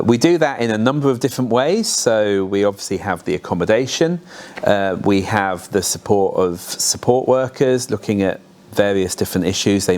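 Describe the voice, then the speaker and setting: A man gives an explanatory interview as a charity representative. His voice sits fairly low. He talks in an unscripted, conversational way. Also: a little mellow.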